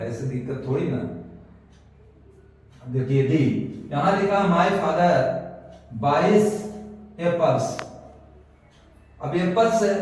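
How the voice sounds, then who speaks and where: A male coaching teacher giving a classroom grammar lesson, asking his own questions and answering them. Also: a little high. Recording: echoey room, mic far off.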